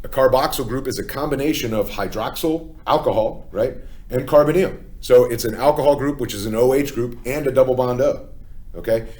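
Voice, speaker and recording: A man's voice: medium pitch, fairly quick, a little mellow. A man with a Philadelphia accent, teaching a chemistry lesson step by step and often checking in with "okay?". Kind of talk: classroom lecture.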